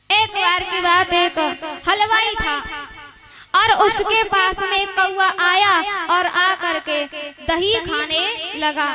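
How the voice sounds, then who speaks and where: A woman giving a devotional storytelling sermon and telling folksy anecdotes to her listeners. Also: very high-pitched. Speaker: Bhagavat katha storyteller. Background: loud devotional music.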